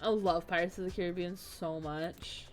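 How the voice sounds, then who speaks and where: A woman's voice: fairly low pitch, steady tone, normal speed. A woman giving casual, playful commentary as she plays a video game and reacts aloud. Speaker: game streamer. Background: game music.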